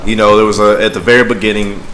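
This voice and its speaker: A man's voice: fairly low pitch, level tone, rapid-fire, over loud music. A man giving casual, conversational gameplay commentary in an informal, slangy, rambling way, as a gaming video creator. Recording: very noisy home recording with clicks.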